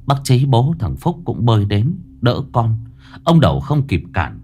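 Man telling a ghost story with lively pitch. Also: measured pace, slightly rough. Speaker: narrator. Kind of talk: spoken ghost story narration.

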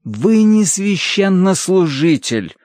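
A pale, fretful young clergyman, played by a male audiobook reader, scolds in a raised, lively voice full of indignation. The sound is dry. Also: high voice, slow pace, no room sound, voice pushed up, exaggerated voice. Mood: scolding.

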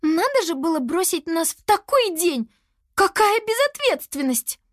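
A woman's voice: unhurried, no echo, clean studio sound. A woman voicing a bossy, fussy young girl leader in a children's audio story. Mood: scolding. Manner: high excited exclamations.

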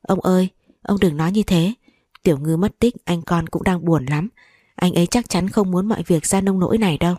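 A woman's voice: on the low side, a little fast, mellow, breathy edge, dry recording, clean studio sound. A woman voicing an evasive young man who talks politely and placatingly, in a storybook reading.

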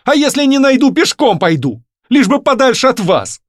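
A man's voice: sits high, animated, moderate pace, no room sound, studio quality, voice pushed up. A man reading a storybook voicing a distressed young woman who pleads and protests in a raised, tearful voice. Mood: upset, defiant.

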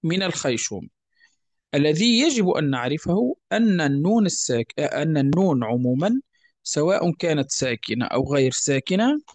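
A man's voice: a little high, very animated, a little fast, no room sound. A man teaching a lesson on Quran recitation rules, explaining patiently, repeating himself and correcting his own slips. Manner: patient and repetitive, often correcting himself mid-word; asks the listeners questions, then answers them himself.

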